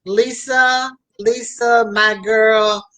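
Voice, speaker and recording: A woman's voice: fairly high pitch, steady tone, extremely slow, fairly bright tone. Female host, conversational motivational talk, emphatic and advising, speaks straight to the listener.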